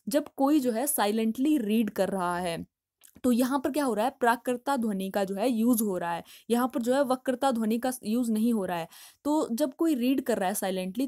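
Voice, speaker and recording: A woman explaining a study topic in a patient, step-by-step way, reading English lines slowly before explaining them. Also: fairly high pitch, warm tone, no room sound, studio quality. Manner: explanatory, patient, with frequent filler phrases. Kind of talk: study lesson in Hindi mixed with English.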